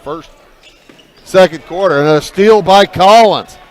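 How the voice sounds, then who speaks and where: A play-by-play announcer calls a high school basketball game in a measured way, pausing with fillers and raising his voice on the big plays.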